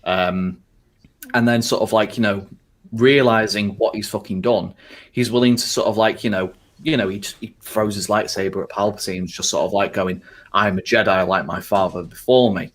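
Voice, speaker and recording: Rambling, swearing podcast host, low voice. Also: male voice, steady tone, moderate pace. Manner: rambling, heavy fillers and frequent swearing. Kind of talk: casual podcast chat.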